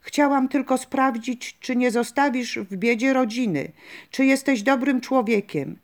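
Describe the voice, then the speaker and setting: A woman's voice: a little high, measured pace, pitched above the performer's own voice. A woman reading as a sweet river-spirit queen. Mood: gentle, calm. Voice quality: soft, sweet-toned.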